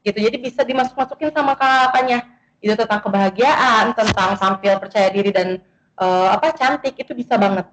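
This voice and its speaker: A woman speaking as the guest content creator in an online sharing session, chatty and animated, with many fillers. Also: fairly high pitch, brisk, reverberant, poor audio.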